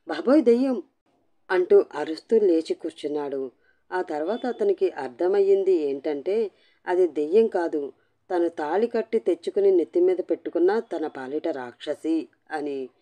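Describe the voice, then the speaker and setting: Warm dark-voiced woman narrating a story. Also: fairly low pitch. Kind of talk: dramatic audio-story narration.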